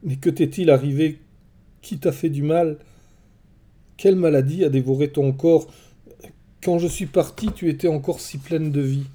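A man's voice: a little high, steady tone, normal speed, pauses often, warm tone, pitched above the performer's own voice, lightly acted. A man reading a tearful grieving hero. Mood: tearful, pleading. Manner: pleading, voice full of tears. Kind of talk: storybook reading.

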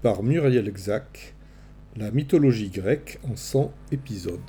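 A man narrating a serialized myth for listeners in an expressive, dramatic storytelling style, from a script. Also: on the low side, a little slow.

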